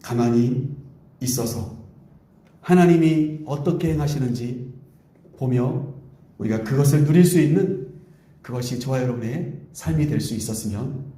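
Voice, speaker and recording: A male pastor preaching a Sunday sermon in an earnest, pleading way, sometimes speaking softly in God's gentle voice. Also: mid-range voice, measured pace, long pauses. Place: church sanctuary. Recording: echoey church room.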